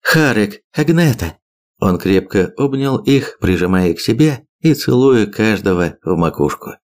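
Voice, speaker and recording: A man reading an audiobook in steady, measured scripted narration. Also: lowish voice. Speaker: audiobook reader.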